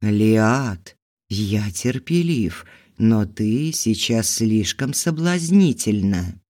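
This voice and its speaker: A man reading an audiobook, voicing a patient, brooding noble husband in a low, husky, intimate tone. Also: slow, lightly acted. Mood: seductive.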